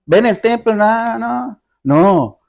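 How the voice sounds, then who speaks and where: High-voiced man preaching conversationally. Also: expressive, a little mellow. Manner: keeps checking in with the congregation; reads scripture aloud with slow emphasis. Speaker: pastor. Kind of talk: conversational sermon. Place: church.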